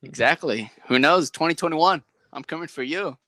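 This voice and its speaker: Bright-voiced young man hosting a casual chat. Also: fairly high pitch, normal speed, dry recording. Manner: rambling, animated, many "like" fillers. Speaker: podcast host.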